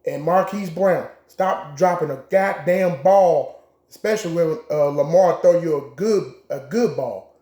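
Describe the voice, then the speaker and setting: A man with a fairly high but mellow, relaxed voice talks casually as a co-host, trading blunt, profane trash talk. The sound is roomy and echoey, as if recorded in a bare room. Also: measured pace. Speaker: co-host making game picks. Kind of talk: casual sports chat.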